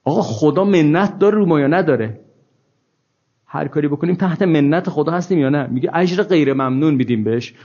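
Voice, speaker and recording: A man's voice: fairly high pitch, dark tone. A man giving an informal scripture lecture to an audience, wry and ironic, asking many rhetorical questions. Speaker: religious lecturer. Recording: dull lo-fi recording.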